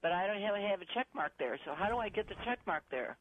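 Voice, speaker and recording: A woman's voice: medium pitch, lively intonation, quick pace. A woman calling in to a radio show over the phone, hesitant and rambling as she searches for the right words. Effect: voice heard over a phone line into a radio show. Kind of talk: casual call-in question. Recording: tinny phone line.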